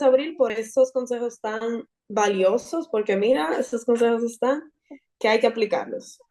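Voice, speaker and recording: Mellow-voiced woman moderating a webinar. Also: a little high. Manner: formal, thanks the speaker and introduces the next part.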